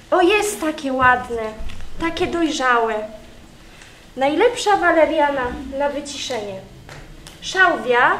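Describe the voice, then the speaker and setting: A woman plays a sharp-tongued village aunt in an amateur folk stage play, scolding and nagging in folksy rural speech. The voice sits high. It carries through a roomy hall over faint ambience. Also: slight background noise, exaggerated voice. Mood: grumbling. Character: bossy, gossipy village aunt gathering herbs. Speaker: stage actor in a school theatre group.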